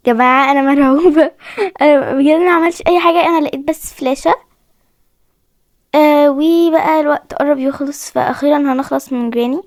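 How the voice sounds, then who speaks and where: A chatty young woman with an Egyptian Arabic accent gives casual commentary on a horror game, talking to viewers and often confessing her fear. Her voice sits high with a slightly mellow quality. The clean studio recording has no echo.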